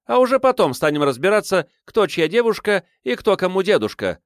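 A man voicing a stern, shouting young woman with a gun in an audiobook. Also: sits high, big pitch swings, a little fast, dry recording, clean studio sound, voice pushed up.

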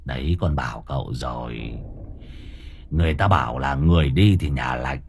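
A man's voice: normal speed, a little mellow, a little hiss or hum. A man voicing a cheeky male servant who mutters and grumbles. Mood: grumbling. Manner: low mumbling grumble, cheeky.

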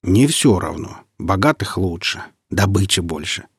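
A man reading the part of a boastful, grim northern warrior who speaks in an unhurried, mocking way. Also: sits low, animated, breathy edge, no room sound, clean studio sound, full character voice.

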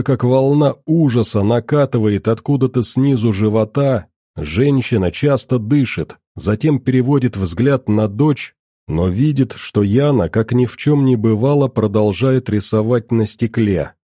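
A man reading a horror story aloud in a measured, even narration. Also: medium pitch, no room sound, clean studio sound.

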